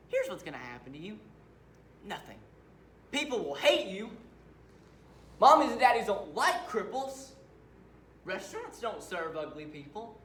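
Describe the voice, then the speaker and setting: A young man performing a manic, taunting male serial killer on death row as a dramatic interpretation piece, with shouts and cackles. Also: sits high, distant mic, a little hiss or hum, pitched above the performer's own voice. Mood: ranting. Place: competition room. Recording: roomy hall recorded from afar.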